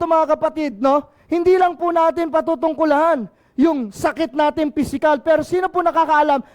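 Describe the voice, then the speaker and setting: A male pastor from the Philippines with a Filipino accent, preaching an impassioned sermon and often asking the congregation for an amen. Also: very high voice.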